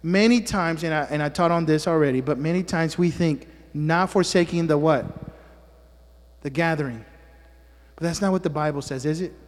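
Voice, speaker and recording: Speaking at normal speed in a slightly high voice, a pastor addresses his congregation in a church sanctuary that sounds like a large hall. He's a native Spanish speaker who jokes teasingly on the side and keeps checking in with "amen?"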